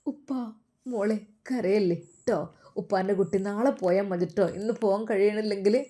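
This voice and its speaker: A woman voicing a tender, grieving father who softly comforts his daughter in a spoken story. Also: mid-range voice, fairly even intonation, normal speed, lightly acted. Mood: tender, pleading. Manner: soft, comforting, pleading.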